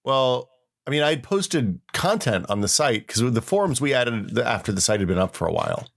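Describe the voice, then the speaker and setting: A podcast host chats casually, reminiscing, reading aloud and telling stories with an informal, wryly exaggerated flair. His mid-range voice swings widely in pitch, moves a little fast, and carries some vocal fry.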